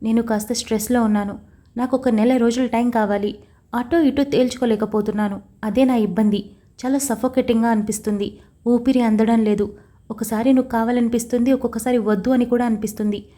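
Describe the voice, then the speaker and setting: Woman narrator voicing a young wife, defiant, emotional, tearful, audio drama, slightly high, mellow tone. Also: steady tone, brisk, lightly acted. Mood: tense.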